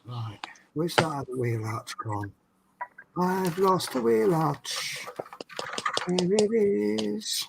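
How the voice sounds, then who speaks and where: A high-pitched man with a Norfolk accent from East Anglia, England, hosts a hobby livestream, chatting casually and teasingly while he works on a build. He speaks slowly with vocal fry and long pauses, and the background is noisy.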